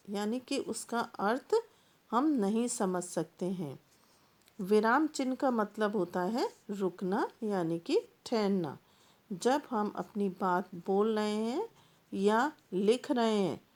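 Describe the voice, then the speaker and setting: A woman teacher giving a patient classroom explanation, pausing often and repeating points with plain examples. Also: mid-range voice, darkish tone.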